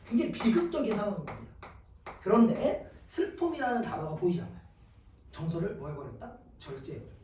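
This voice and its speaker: High-voiced male teacher in an echoey room. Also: fast, a little hiss or hum. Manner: questions then answers himself, lively. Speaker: Korean exam prep teacher. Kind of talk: classroom lecture. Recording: echoey room from a distant mic.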